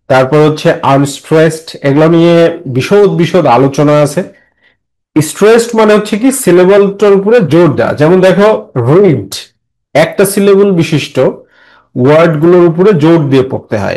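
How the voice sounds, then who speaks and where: Guy teaching a class lesson, kinda high voice, mixes in slow english reading. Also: darkish tone, low-quality recording. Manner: explains in Bengali, slowly reads English lines aloud. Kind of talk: classroom lesson explaining a textbook poem.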